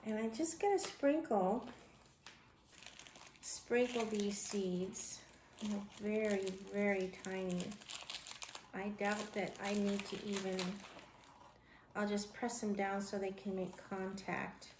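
Working at her kitchen counter indoors, a homesteading vlogger in her thirties narrates a casual how-to, thinking aloud with ums and restarts. Her mid-range voice has fairly even intonation, and she takes it slowly with frequent pauses. The recording, from a fixed camera across the counter, is echoey with background noise.

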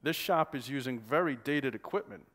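A man reading aloud from a novel, voicing a smooth, courteous older male smuggler who smirks through his words. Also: medium pitch, lively intonation, moderate pace, a bit bright. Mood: suave. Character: urbane older male drug smuggler, smug and polite.

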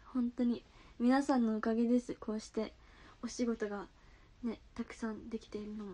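A bubbly young woman with a high voice chats casually on a live stream. She giggles often and reacts brightly to viewer comments. Her voice comes through a phone mic indoors. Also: little pitch movement, moderate pace.

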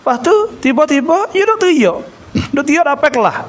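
Animated Kelantan Malay storyteller man. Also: very high voice, brisk. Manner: animated storyteller, acts out dialogue. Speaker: religious lecturer. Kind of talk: storytelling religious talk.

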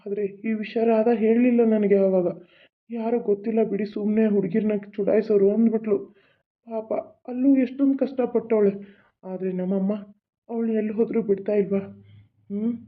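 A man's voice: sits high, steady tone, moderate pace, pauses often, natural voice. Cartoon husband lamenting his lost child, a performer's pleading tone, tinny line sound. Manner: emotional, pleading. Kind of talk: cartoon voice acting.

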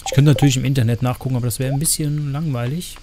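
A man's voice: mid-range voice, steady tone, rapid-fire, noisy background. A man giving casual, chatty gameplay commentary as a streamer, joking around and cursing in crude asides to his chat.

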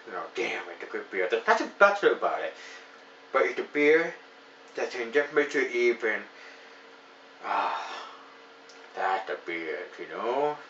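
A man in his thirties from Ontario, Canada, speaks in a fairly bright, low-leaning voice while reviewing a beer in a small home room with shelves of beer. His casual style is rambling and enthusiastic, heavy with "you know" fillers. The reverberant recording puts him far from the mic, with highs cut off and a little hiss or hum.

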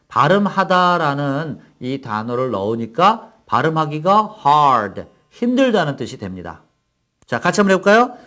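A man teaching English phrases to Korean learners, explaining in Korean and modeling each phrase slowly and clearly for repetition. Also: on the high side, fairly bright tone. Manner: slow, carefully enunciated English model phrases between brisk explanations. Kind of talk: language lesson with repeat-after-me drills.

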